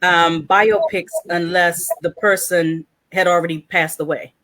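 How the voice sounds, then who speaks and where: A woman's voice: fairly low pitch, unhurried. A woman from Washington, D.C. hosting a casual panel chat, telling stories and acting out the quotes in them. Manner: animated storyteller, acts out quotes. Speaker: host.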